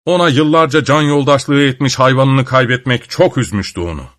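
A man narrating a folk tale as a storybook reading, in a lively, expressive manner. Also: mid-range voice, normal speed, no echo, studio quality.

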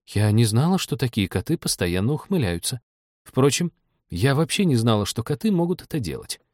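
A man's voice: mid-range voice, sing-song, moderate pace, darkish tone, no echo, clean studio sound. A man reading an audiobook and voicing a timid, polite, curious young girl.

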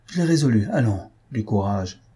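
Awkward eager suitor, earnest and fumbling, read by a man; husky low voice, storybook. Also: expressive, normal speed, warm tone. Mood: nervous. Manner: earnest, fumbling, then bursting with joy. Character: awkward, eager male suitor, country gentleman. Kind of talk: audiobook character voice.

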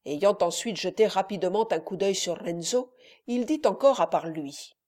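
Woman narrating a classic novel, mellow. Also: mid-range voice, normal speed. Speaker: audiobook narrator. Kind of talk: scripted literary narration.

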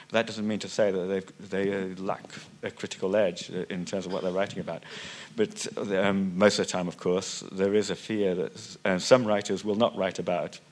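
Man, panelist, low flat voice, halting and self-correcting. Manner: hesitant, many restarts and fillers, loses thread. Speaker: panelist, music magazine writer. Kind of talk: unscripted panel discussion. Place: conference hall panel.

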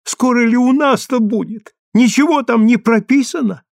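A man's voice: very high voice, vocal fry, darkish tone, dry recording, clean studio sound, pitched above the performer's own voice. A man voicing a fussy, anxious old woman who dotes on the boy she raised. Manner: worried, exclaiming, quick to fret. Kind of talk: audiobook character voice.

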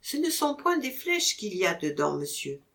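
A woman's voice: mid-range voice, very animated, normal speed, fairly bright tone. A woman reading a storybook audiobook, voicing a meek, eager young male servant who answers humbly. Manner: humble, deferential replies.

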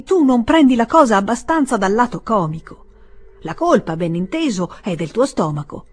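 A woman reader voicing a composed elder brother who talks in an ironic, patronizing and calmly reasoning way. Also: medium pitch, breathy edge.

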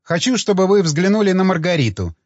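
A man's voice: sits high, very animated, fairly quick, darkish tone, no echo, muffled recording, pitched above the performer's own voice. A man playing an imperious old actress. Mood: insistent, scolding. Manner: scolding, commanding, stamps her foot. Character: imperious old female actress, sharp-tongued and insistent.

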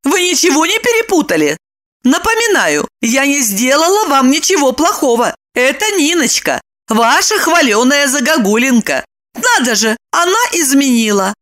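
A woman voicing a sharp-tongued, gloating woman in an audiobook, shrill and mocking, with swooping exclamations. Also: heavily acted. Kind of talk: audiobook character voice.

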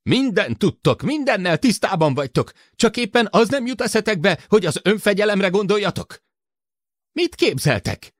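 A tall, stern hunter, as a male reader plays him in an audiobook, who is raging. His voice is pushed up high and loud, rising and falling sharply. It sounds close and dry. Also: big pitch swings, no echo. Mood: furious lecturing. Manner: drawling, then bursting into shouts. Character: tall stern hunter, brooding and hot-tempered.

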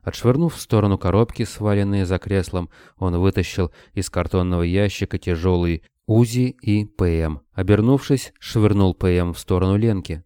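Deep dark-voiced male narrator. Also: clear, resonant tone, dry recording, studio quality. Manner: steady measured reading. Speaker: audiobook narrator. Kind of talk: scripted audiobook narration.

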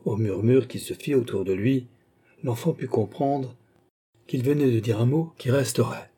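A man reading a classic French novel aloud as audiobook narrator, in a measured, literary manner. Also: mid-range voice, warm tone, slightly rough. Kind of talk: scripted narration.

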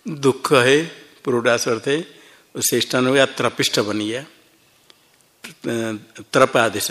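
A man's voice: medium pitch, a bit bright. A man teaching a classroom Sanskrit grammar lesson, explaining each form step by step and quizzing his students as he goes. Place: ashram classroom.

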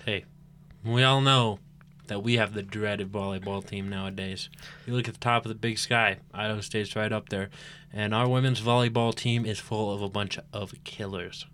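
A man's voice: on the low side, fairly even intonation, moderate pace, a bit bright, a little hiss or hum. A young man co-hosting a casual college sports preview, playful and eager to build up the home team. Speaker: sports show co-host.

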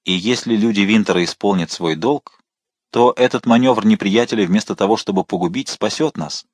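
A man voicing a calm, noble older musketeer in an audiobook, speaking in a low, measured way. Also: no room sound, natural voice. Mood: grave calm.

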